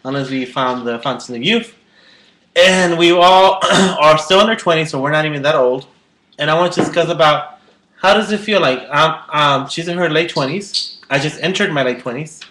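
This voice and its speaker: A man's voice: fairly high pitch, moderate pace, sharp tone, reverberant, a little hiss or hum, rough recording. A man in his twenties hosting a casual chat, rambling and restarting his sentences. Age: 20s. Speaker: host.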